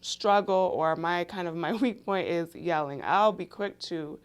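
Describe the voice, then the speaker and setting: A woman's voice: fairly low pitch, measured pace, smooth. A woman co-hosting a casual talk show, speaking candidly and laughing easily. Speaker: podcast co-host. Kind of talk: casual conversation.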